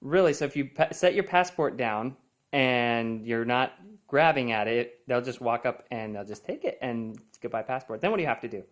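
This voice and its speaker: A man's voice: medium pitch, lively intonation, moderate pace. Curious man interviewing a child. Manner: curious, repeats answers back as questions. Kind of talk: casual family interview.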